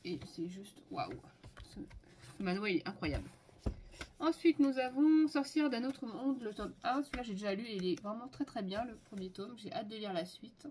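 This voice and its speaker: A woman's voice: on the high side, brisk, noisy background. A woman chatting casually and enthusiastically as she lists purchases in a haul video, with frequent fillers. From France. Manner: enthusiastic, listing items with many fillers. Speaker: manga haul vlogger.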